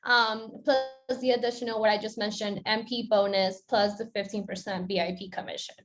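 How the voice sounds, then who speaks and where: A woman's voice: mid-range voice, flat delivery, a little fast. A young woman from Colombia presenting a business onboarding, explaining step by step and checking in with her listeners. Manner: upbeat, checks in with "okay?".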